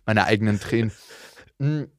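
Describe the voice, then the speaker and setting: A man's voice: fairly low pitch, moderate pace, a little mellow, no room sound. Man in his thirties, casual co-host, sarcastic teasing delivery, dry close sound. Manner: teasing, sarcastic, laughs often. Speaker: podcast co-host. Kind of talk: casual chat.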